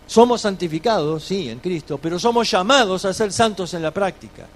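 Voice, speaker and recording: A man preaching a sermon, slowing on key phrases and dropping quiet for scripture readings. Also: high-pitched.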